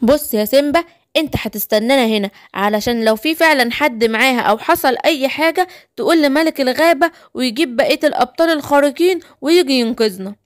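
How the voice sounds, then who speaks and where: A woman's voice: high-pitched, fast talker, dry recording, studio quality, close to an everyday voice. A woman with an Egyptian accent voicing a brave male superhero who speaks urgently and decisively.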